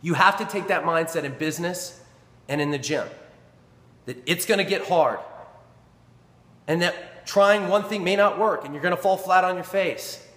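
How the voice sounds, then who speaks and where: Pushed and bright, this man's voice sits high, keeping a normal speed broken by long pauses. He's a personal trainer in his thirties giving an earnest, emphatic motivational talk, repeating phrases for stress, captured by a close camera in front of him in a small gym full of long reverb.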